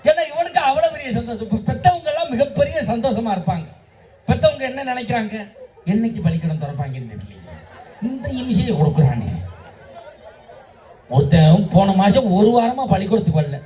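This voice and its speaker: A man who is a schoolteacher and debate moderator, telling jokes in a humorous stage speech and shouting his punchlines. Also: sits high, big pitch swings, a little fast, recorded from a distance, some chatter behind. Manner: joking storyteller, bursts into shouted punchlines.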